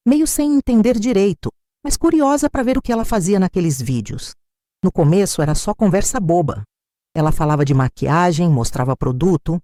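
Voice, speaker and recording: Older brazilian woman, lively storyteller. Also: on the low side, dry recording, studio quality. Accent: Brazilian Portuguese. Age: 70s. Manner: confiding, expressive. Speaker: narrator. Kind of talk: scripted storytelling narration.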